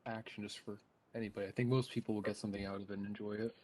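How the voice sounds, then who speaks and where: A young man co-hosts a podcast among friends. He chimes in with short jokes and side comments in a relaxed, chatty way. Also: fairly low pitch, a crowd in the background. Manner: chipping in quick jokes and asides. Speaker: podcast co-host. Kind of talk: casual chat.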